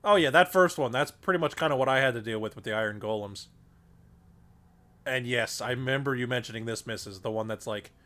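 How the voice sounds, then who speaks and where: Fairly bright in tone and sitting in the mid range, this man's voice comes through a desk mic as he offers casual commentary on his game. He's congested and wanders through his thoughts with lots of fillers.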